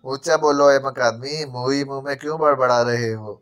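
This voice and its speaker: A man's voice: mid-range voice, fairly even intonation, a bit bright, close to an everyday voice. Brief: brusque, impatient young woman in an audiobook, voiced by a man. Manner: scolding, brusque.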